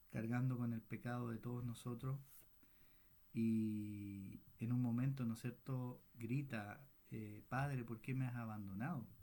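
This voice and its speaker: A man leads a Bible study group, asking questions and pausing to check in with his listeners. His delivery is unhurried and thoughtful, with the odd restart mid-sentence. His voice sits at an ordinary middle pitch. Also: dark tone. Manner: asks the group questions often, frequent "mm?" checks.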